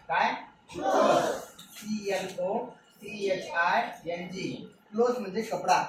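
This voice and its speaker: A man from Maharashtra teaching young pupils, taking his time as he spells out words letter by letter. He keeps prompting the class to repeat each one. His voice comes from across a very echoey room with a faint hum behind it. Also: high-pitched. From Maharashtra, India. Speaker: primary school teacher. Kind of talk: spoken English vocabulary lesson for children. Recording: very echoey room, voice from far off the mic.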